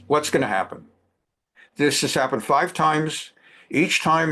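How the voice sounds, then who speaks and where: Emphatic male lecturer, higher-pitched. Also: fairly bright tone. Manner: emphatic, repeats phrases for stress. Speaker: religious teacher. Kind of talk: lecture on current events.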